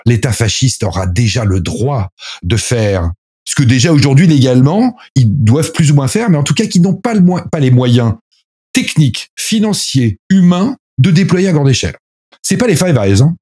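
A man's voice: medium pitch, big pitch swings, normal speed, darkish tone, husky. A man giving casual, ironic commentary, breaking off into mocking parody voices. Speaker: commentator explaining a new law.

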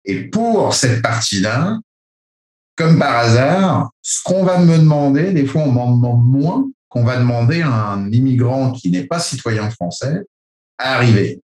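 A man's voice: medium pitch, lively intonation, a little slow, darkish tone. Rambling French-born man in an echoey room. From France. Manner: rambling, many restarts and fillers. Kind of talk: casual discussion.

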